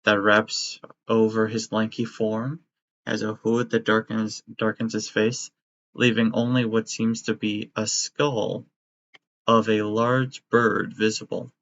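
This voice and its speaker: A man acting as game master, narrating a tabletop game in a steady, descriptive way. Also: on the low side, slow. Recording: dry, slightly muffled audio.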